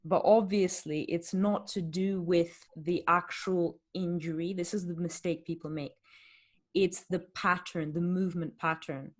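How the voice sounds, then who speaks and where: A woman's voice: on the low side, fairly even intonation, a little slow. A woman, a fitness coach hosting a podcast, chatting candidly and explaining things with rhetorical questions. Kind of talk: casual podcast chat.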